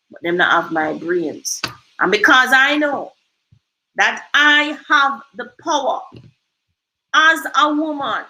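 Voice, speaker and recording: Jamaican woman host, emphatic and preachy, higher-pitched, forceful tone, drifts into patois. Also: rough recording. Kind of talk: motivational livestream talk.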